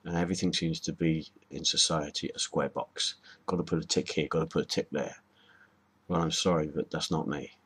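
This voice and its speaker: Very deep husky-voiced man. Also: fairly even intonation, brisk, a bit bright. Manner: rambling, hesitant, with frequent ums and restarts. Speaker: video host. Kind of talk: casual spoken monologue.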